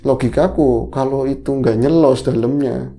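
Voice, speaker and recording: A man hosting a casual horror storytelling chat, animated and acting out the dialogue he recounts. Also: medium pitch, normal speed, gravelly. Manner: animated, acts out quoted dialogue. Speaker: podcast host.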